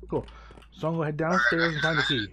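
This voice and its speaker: A man playing an old computer game and chatting casually with a friend, excitable and laughing often. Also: fairly high pitch, quick pace. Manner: excitable, laughs often, yelps when hit. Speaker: game player, co-host. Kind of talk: casual let's-play banter.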